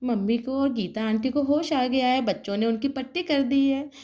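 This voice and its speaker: High-voiced woman narrating a doll story. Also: moderate pace, reverberant. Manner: lively, exclaiming.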